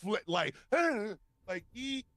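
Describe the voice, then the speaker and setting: Male podcast co-host, casual storytelling, very lively pitch, dry close sound. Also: drawn-out words, no room sound. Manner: animated, profane, laughing storyteller.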